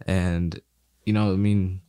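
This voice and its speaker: A man's voice: low voice, level tone, slow, warm tone, clear, resonant tone. A young man co-hosting a casual film review podcast. He talks thoughtfully and hesitantly, with many small fillers. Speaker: podcast co-host.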